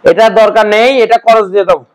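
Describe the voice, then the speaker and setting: High-voiced man quizzing a class. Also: fairly even intonation, quick pace, a little hiss or hum, rough recording. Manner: quizzing students with repeated questions. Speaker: Bengali grammar teacher. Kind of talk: classroom lecture.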